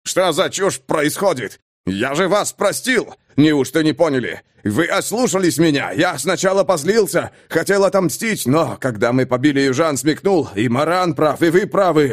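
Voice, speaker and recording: A man voicing a brash, hot-tempered nomad chieftain in an audiobook, blustering and loud, with drawn-out mocking words. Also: fairly high pitch, animated, no echo, studio quality, voice pushed up, natural voice. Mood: angry pleading. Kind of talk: audiobook character voice.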